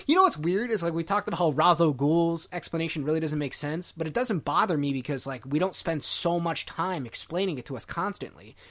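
Fast-talking sarcastic man. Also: on the high side, animated, fairly bright tone. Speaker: podcast host. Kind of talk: casual film discussion.

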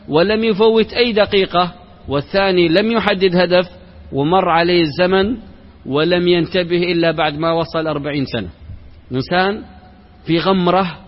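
A man, an Islamic sheikh, giving a religious lecture built on rhetorical questions and parables, mixing formal speech with everyday colloquial words. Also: high voice. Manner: mixes formal Arabic with colloquial. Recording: reverberant hall, dull lo-fi sound.

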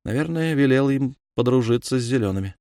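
A man voicing a teenage schoolboy who speaks quietly and confidingly. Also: mid-range voice, lively intonation, fairly quick, dry recording, studio quality, pitched above the performer's own voice, lightly acted.

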